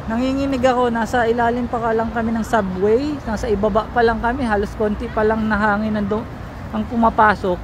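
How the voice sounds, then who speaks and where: A man's voice: very high-pitched, level tone, a little fast. A Filipino man chatting casually into a walkie-talkie as he makes a radio check, friendly and full of radio jargon. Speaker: host making a radio range test. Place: outdoors in South Korea, near trees. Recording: noisy outdoor recording with traffic ambience.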